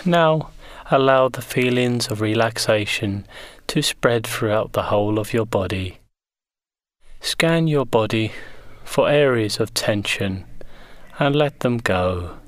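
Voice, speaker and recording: A man leading a guided progressive muscle relaxation in slow, gentle, soothing instructions. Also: mid-range voice, expressive, no echo, studio quality.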